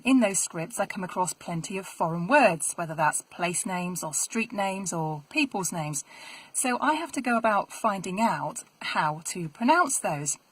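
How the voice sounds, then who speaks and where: A middle-aged woman, a voiceover artist, chatting to camera from her small home studio in a friendly, clearly enunciated way. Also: fairly low pitch, rough recording. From England. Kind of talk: casual explainer to camera.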